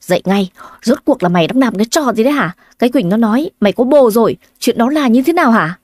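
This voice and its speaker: A woman voicing a worried older mother-in-law in a spoken story, talking anxiously in a high, warm voice. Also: lively intonation, fast, no room sound, clean studio sound. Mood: scolding. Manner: anxious, pleading then scolding.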